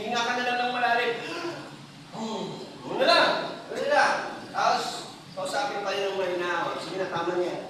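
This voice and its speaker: A passionate male preacher delivers a sermon and keeps calling for the congregation to answer him. His voice is high and bright. It carries from a distance through an echoey church hall with faint noise behind it. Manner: passionate, calls for congregation replies, mixes Tagalog and English.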